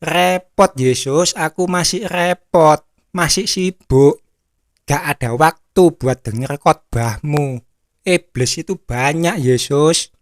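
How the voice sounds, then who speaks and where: A demon-obsessed male exorcist cries out in a high, shrill, frantic voice, as a preacher puts him on. His words come slowly and stretched out, over a dry, close sound. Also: dry recording. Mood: defensive.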